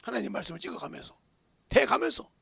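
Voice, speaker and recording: Guy preaching a sermon, super gravelly and husky voice, bright edge, keeps firing questions and dropping to whispers. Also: extremely high pitch, big pitch swings, fast, dry recording, clean studio sound. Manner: emphatic, drops often into whispers; hammering rhetorical questions. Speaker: pastor.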